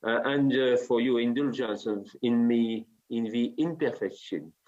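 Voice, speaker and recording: Man, French accent, slow and halting, dull lo-fi audio, conference talk. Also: mid-range voice, a little mellow. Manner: halting, many hesitations. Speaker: conference presenter.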